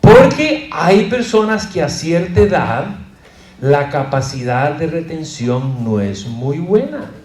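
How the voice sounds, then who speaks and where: Un pastor que da una clase de predicación con humor, bromeando y haciendo preguntas al público. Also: male voice, a little high, slow pace. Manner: lively, jokey, asks the audience questions. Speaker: pastor teaching a preaching class. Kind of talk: humorous lecture. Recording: roomy echo.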